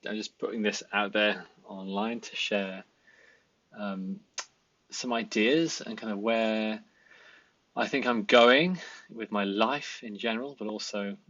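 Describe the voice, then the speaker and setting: Seated at a desk in his home, this Welsh designer in his thirties, who also works part-time as a founder, chats about himself in a loose self-introduction vlog. He speaks in a lowish, slightly bright voice, rambling through many fillers and false starts. The audio sounds dry and lo-fi.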